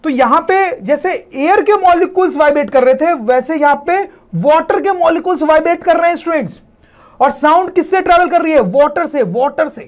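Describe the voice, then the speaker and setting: A science teacher with a notably high voice for a man walks his class through a lesson. He speaks straight to the students again and again, throws out rhetorical questions and answers them himself. He slips English terms into his explanations as he goes. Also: moderate pace. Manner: keeps addressing "students" and asks rhetorical questions.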